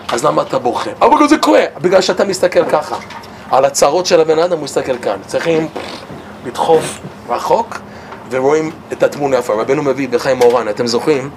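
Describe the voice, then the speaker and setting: Animated man teaching Torah, noisy recording. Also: medium pitch. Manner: animated, stammers and repeats words, laughs while telling stories.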